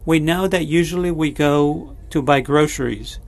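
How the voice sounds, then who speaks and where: A man preaching a sermon and leading a prayer, pausing often with fillers and restarting his sentences. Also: on the high side. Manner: halting, many fillers and restarts, slow and deliberate. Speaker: pastor.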